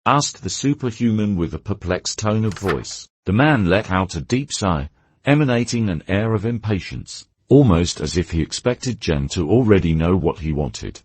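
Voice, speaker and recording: Husky man reading a novel aloud. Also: sits low, normal speed, no room sound. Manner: steady, descriptive storytelling. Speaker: audiobook narrator. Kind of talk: scripted novel narration.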